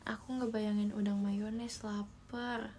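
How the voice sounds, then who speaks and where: A young woman hosts a casual phone livestream from her small bedroom as an idol streamer, chatting with viewers, reading their comments, and giggling often. Her mid-range voice is slow and mellow with little pitch movement. The phone is held close in selfie framing, and there's a little hiss or hum.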